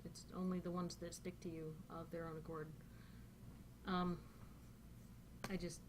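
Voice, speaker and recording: A woman with a lowish voice chats casually as she answers a dialect questionnaire, wandering off track and leaning on fillers. She's an English-speaking vlogger with a central Northern Californian accent, and a little hiss or hum runs under the audio.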